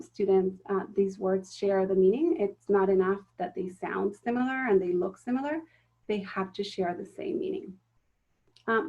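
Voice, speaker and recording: A teacher trainer whose first language is Spanish gives a recorded talk to teachers, explaining things step by step with frequent ums and self-corrections. Her mid-range voice is a little mellow, and the sound is lo-fi.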